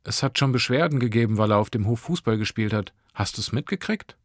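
A man voicing a worried middle-aged mother who gently nags and pleads. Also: medium pitch, animated, a little fast, dry recording, studio quality, close to an everyday voice. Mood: coaxing.

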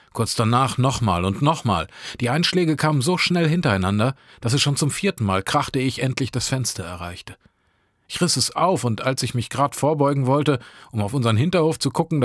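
A man's voice: medium pitch, fairly bright tone, no room sound, studio quality. A man reading a short story aloud, narrating in a sardonic, crude first-person voice.

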